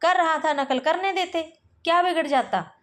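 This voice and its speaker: A woman voicing an exasperated middle-aged wife who scolds her husband with sharp, complaining questions while she reads a play aloud for exam study. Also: extremely high pitch, moderate pace, voice pushed up. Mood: reproachful.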